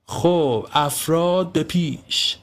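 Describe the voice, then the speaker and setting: A man's voice: fairly high pitch, voice pushed up, natural voice. A man voicing a bossy, rude boy who acts as the leader of the group and barks orders with scorn. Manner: loud, scornful, bossing others.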